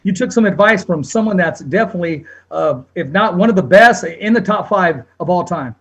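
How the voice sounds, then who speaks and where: Middle-aged guy hosting a chat show, high voice, kinda raspy, casual. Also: expressive, a little fast. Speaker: interview show host. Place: small room at home, indoors.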